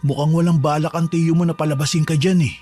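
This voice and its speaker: Calm, reassuring man as a gardener. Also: quick pace, husky. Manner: calm, reassuring, low-key. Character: calm, protective male servant helping a trapped girl. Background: faint music.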